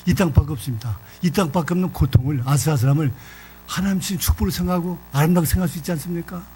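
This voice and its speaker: An older man preaching a sermon in a church, telling a story in a lively, folksy way. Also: a little high, rapid-fire, slightly rough. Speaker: pastor.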